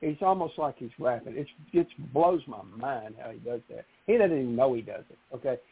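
A man calling in to a radio show over a phone line, chatting casually in an animated, rambling way. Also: medium pitch, fairly quick, slightly rough. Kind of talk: casual on-air chat.

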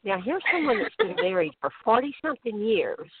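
A woman's voice: fairly high pitch, sing-song, brisk. A woman guest on a talk show, chatting casually and effusively, telling anecdotes. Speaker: guest, author on love and relationships. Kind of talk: casual chat, anecdotal storytelling. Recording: tinny phone line.

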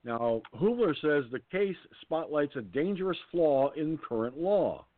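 A man's voice: fairly high pitch, big pitch swings, unhurried, dry recording. A man hosting an online radio talk show, blunt, indignant and swearing as he reads the news. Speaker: host. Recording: dry, phone-like sound.

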